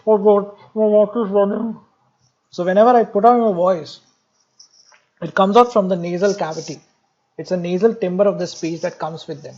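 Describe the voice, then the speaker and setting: A man lectures on medicine in a high, mellow voice. He mixes jokes into his explanations and keeps repeating the key points for his students. The recording sounds dull and lo-fi. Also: slightly rough. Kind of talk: classroom lecture.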